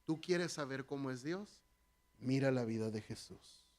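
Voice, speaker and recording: A man preaching a conversational sermon as pastor, animated and joking, talking straight to the congregation. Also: medium pitch, a little slow.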